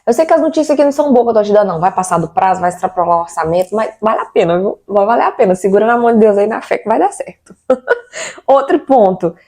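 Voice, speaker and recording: A woman's voice: medium pitch, animated, fast talker, mellow. Exasperated chatty Brazilian woman. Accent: Brazilian Portuguese. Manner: chatty and exasperated, with rhetorical questions. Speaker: vlogger. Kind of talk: casual venting to camera.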